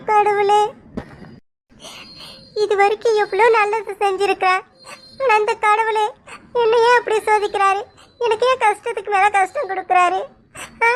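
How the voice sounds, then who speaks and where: A woman's voice: extremely high pitch, a little hiss or hum. A woman voicing a tearful young village woman who pleads with fate.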